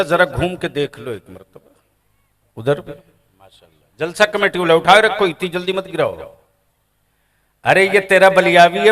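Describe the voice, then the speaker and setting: A man preaching a fiery religious sermon to a gathering, booming and drawn out, urging the crowd to call back. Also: a bit bright.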